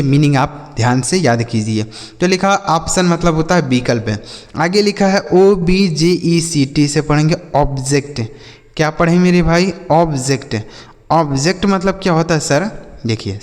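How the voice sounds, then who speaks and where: Guy teaching english words, spells them out slow and repeats stuff, kinda high voice, echoey hall. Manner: repetitive, asks and answers his own questions. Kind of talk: spelling-out vocabulary lesson. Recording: long hall reverb.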